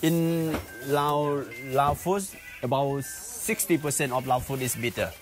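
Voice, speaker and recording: A man from Laos with a Lao accent, a local guide explaining food at an outdoor market in halting English with many fillers. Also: on the high side, steady tone, over music.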